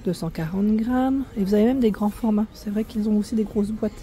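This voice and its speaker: A woman walks the aisles of a discount food store with a handheld phone camera, listing prices and pack sizes in a chatty, easygoing way. Her voice sits at an ordinary middle pitch with a warm, mellow tone. She stops now and then to fix a price she misread. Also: brisk. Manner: chatty, reads out prices and weights, corrects herself. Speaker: vlogger showing store prices. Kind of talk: walk-through shopping vlog.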